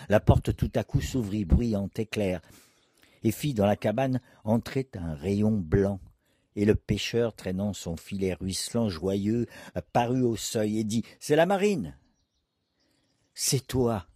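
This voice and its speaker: A man giving a solemn, measured dramatic reading of poetry. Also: on the low side, dark tone, slightly rough, dry recording. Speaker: reader.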